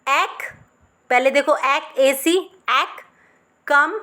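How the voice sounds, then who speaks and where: A woman's voice: high voice, very slow, sharp tone. A woman teacher explaining English spellings, sounding words out syllable by syllable. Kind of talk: spelling lesson.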